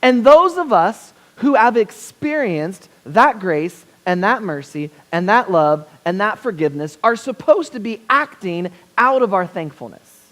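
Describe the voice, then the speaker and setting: A young man delivers a chapel sermon as a pastor, his voice pitched high for a man. He talks loosely and personally, full of self-deprecating jokes and quick "right?" check-ins with the listeners. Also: expressive, a bit bright. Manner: conversational, self-deprecating humor with frequent "right?" asides. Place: university chapel.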